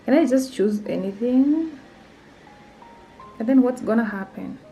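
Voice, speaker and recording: A woman's voice: fairly high pitch, expressive, unhurried, warm tone, soft background music, low-quality recording. A young woman vlogging casually, thinking aloud, nervous and often dropping to a whisper. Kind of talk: casual vlog narration.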